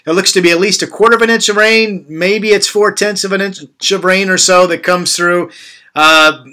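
A man giving a casual weather update, relaxed and chatty, with the hiccups and small self-corrections. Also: sits high, moderate pace. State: has the hiccups. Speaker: weather forecaster.

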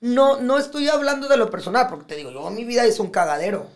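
Gravelly Mexican man, animated and profane. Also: very high voice, fast talker. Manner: animated, profane, acts out quoted speech. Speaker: podcast guest. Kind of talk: casual podcast conversation.

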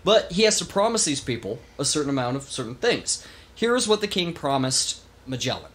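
A man hosting a casual history podcast, telling the story with animated emphasis and the odd swear word. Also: medium pitch, fairly quick. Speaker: podcast host.

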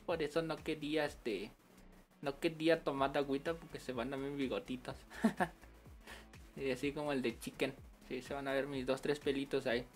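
Man, Mexican accent, game streamer, gravelly voice, relaxed slangy chat, faint music behind. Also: on the high side. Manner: slangy, laughs often while storytelling. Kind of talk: casual livestream chat.

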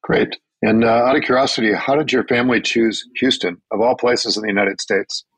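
A man hosting a podcast, reading his intro in a measured, announcer-like way and asking interview questions. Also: medium pitch, fairly even intonation, a bit bright, slightly rough, rough recording. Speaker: podcast host.

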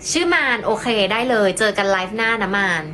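A woman's voice: medium pitch, expressive, a little fast, pushed and bright, a little hiss or hum, low-quality recording. A young woman from Thailand chatting casually on a phone live stream, thanking viewers and cooing affectionately over her cats.

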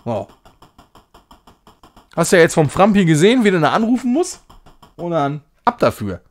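This male streamer has a slightly high, sing-song voice and speaks at a moderate pace. It's relaxed live gaming commentary: he chats with his audience and wanders verbally, voicing his thoughts mid-play.

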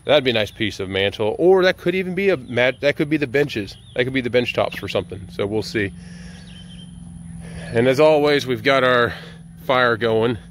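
Out in the yard of an open-air sawmill with an open-sided shed, a middle-aged man who runs the mill and vlogs talks informally, musing aloud while describing the work he's doing. He has a mid-range voice and a moderate pace. Vehicles and general outdoor noise can be heard around him.

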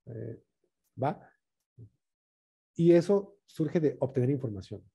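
A man gives a relaxed workshop talk on communication. His voice is very dark and mellow, with a husky edge. He often checks in with his listeners through quick tag questions. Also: mid-range voice.

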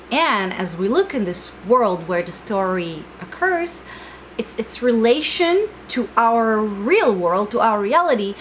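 A woman's voice: mid-range voice, poor audio. A young adult woman hosting an educational book video, speaking to camera with emphatic stress on key words. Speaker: book channel host. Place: small indoor room with bookshelves. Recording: fan hum in the background. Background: electric fan noise.

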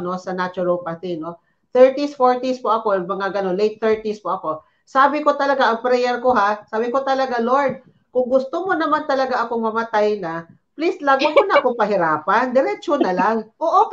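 A chatty middle-aged woman from the Philippines, a doctor guest, tells her stories with animated asides and frequent tag questions. Her voice sits a bit high for a woman. The recording is dull and lo-fi. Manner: animated, chatty, many fillers like "no?". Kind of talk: Taglish interview storytelling.

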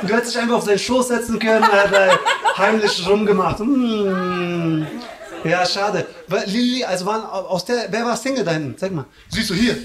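A man's voice: sits high, normal speed. A man doing live stand-up crowd work on a comedy club stage, teasing the audience in slangy street talk. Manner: slangy and teasing, drops "Alter" and "Digga" constantly. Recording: echoey club room with loud hiss and clicks.

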